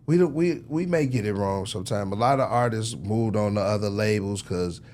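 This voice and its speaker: With a slightly mellow, lowish voice at normal speed, a man talks casually as a record label executive in an interview. His speech is slangy and informal, he keeps making sure the listener follows, and noticeable background noise fills the recording.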